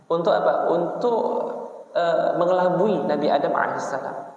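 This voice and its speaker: A male preacher delivers a storytelling sermon in a mosque hall, often turning to address his listeners directly. His voice sits in a mid range and carries a long, booming reverb. He sounds distant from the microphone, and the recording is dull and muffled. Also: normal speed, darkish tone. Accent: Indonesian. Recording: echoey hall from far off, muffled.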